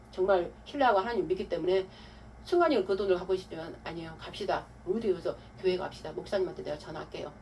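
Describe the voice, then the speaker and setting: A woman pastor giving a testimony-style sermon, telling her story with animated, acted-out quotes. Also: fairly low pitch. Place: church hall. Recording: distant mic with faint room noise.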